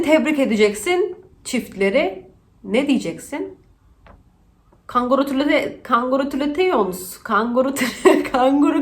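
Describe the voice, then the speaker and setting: Playful chatty woman teaching English. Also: on the high side. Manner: chatty, playful, teasing, quick asides. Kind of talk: casual pronunciation lesson.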